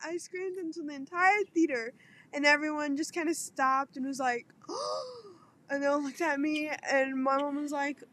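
A young woman co-hosting a podcast, chatting casually and telling childhood stories with animated acted-out quotes. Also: high voice, moderate pace. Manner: animated storytelling, acts out quotes. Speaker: podcast co-host. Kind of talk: casual chat.

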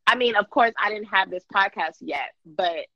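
A woman hosting a casual podcast with playful, slangy banter and frequent laughter, on a low-quality muffled call. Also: animated, normal speed, sharp tone, no room sound. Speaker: podcast host.

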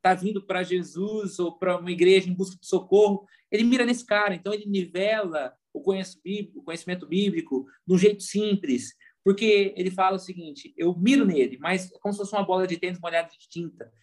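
A man's voice: sits high, brisk, hardly any pauses, darkish tone. A man, a pastor guest on a podcast, talking casually and earnestly, explaining his points with vivid everyday examples. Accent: Brazilian Portuguese.

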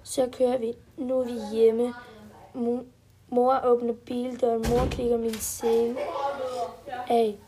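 A woman's voice: on the high side, flat delivery, pauses often, background noise. A woman reading a first-person children's story aloud in simple, short, step-by-step sentences.

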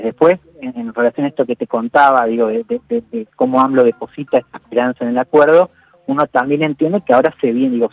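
A man's voice: mid-range voice, no room sound. Analytical man on a dull radio line. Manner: measured, analytical, peppers speech with "digo". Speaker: political analyst. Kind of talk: radio interview commentary.

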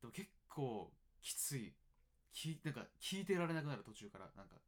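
A young man co-hosting a casual radio talk show. He is relaxed and laughs easily, and Kansai phrasing keeps slipping into his speech. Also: mid-range voice, a little fast. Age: young adult. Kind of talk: casual chat.

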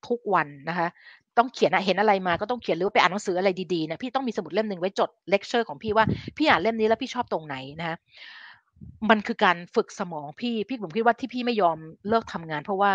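A woman's voice: medium pitch, expressive, fast talker, no room sound. A middle-aged woman hosts a casual health live stream and talks with her viewers like an older sister. She scatters English science terms through her speech. The sound is dry, with no room, and a little dull. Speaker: live-stream host giving health advice.

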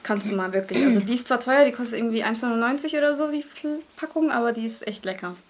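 A woman's voice: a little high, fast talker, slight background noise. A young woman co-hosting a casual podcast, chatty and rambling, often giggling. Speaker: podcast co-host.

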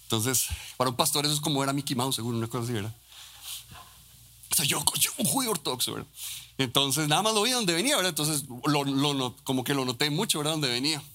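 A Costa Rican pastor preaching a sermon in a fervent way, often restarting and adding tag questions. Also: male voice, fairly high pitch, fast, pushed and bright. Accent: Costa Rican Spanish. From Costa Rica.

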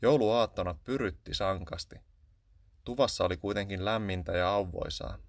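A man narrating a children's Christmas story in a calm, even storytelling manner. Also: on the low side, dry recording, studio quality.

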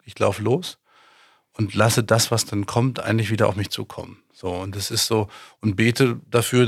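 Man, podcast co-host, low husky voice, halting reflective talk. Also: no echo, studio quality. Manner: hesitant, many fillers and tag questions.

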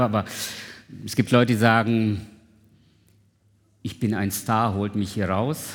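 A man's voice: medium pitch, breathy edge. A man preaching a sermon to a congregation, conversational and often asking his listeners questions. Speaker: pastor. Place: church hall. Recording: reverberant church hall.

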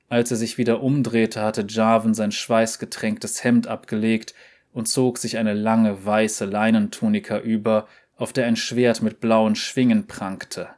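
Male narrator, audiobook, calm and even, lower voice.

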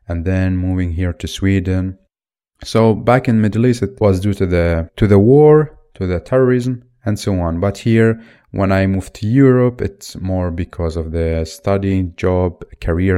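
A man in his twenties from Iraq hosts a solo podcast, speaking unscripted and thinking aloud with fillers and restarts. His voice is low-pitched, mellow and smooth.

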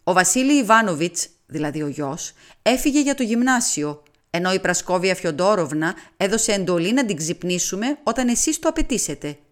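A woman's voice: fairly low pitch, animated, natural voice. A woman voicing an eager, deferential young male servant in an audiobook, answering politely. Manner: polite, obliging replies.

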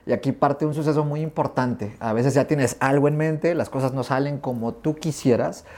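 Here a middle-aged Mexican-accented man talks at a moderate pace in a medium pitch. As an interview guest, he shares childhood stories with lively energy, performing the remembered conversations himself.

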